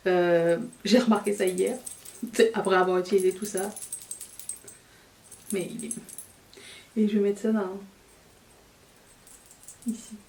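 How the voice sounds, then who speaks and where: A woman's voice: medium pitch, fairly even intonation, slow pace, gravelly, pauses often, a little mellow, echoey room, far from the mic. A woman vlogger chatting casually to viewers while she does her makeup, joking at her own expense. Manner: chatty, self-mocking, talks while applying makeup. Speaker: beauty vlogger. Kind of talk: casual makeup tutorial chat.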